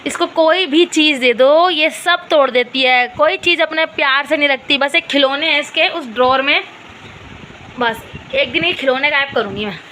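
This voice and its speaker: A woman's voice: high-pitched, moderate pace, pushed and bright, a little hiss or hum. A young woman vlogging at home, talking with her small daughter and the viewers, by turns coaxing and scolding. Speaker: vlogger and mother. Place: home, indoors.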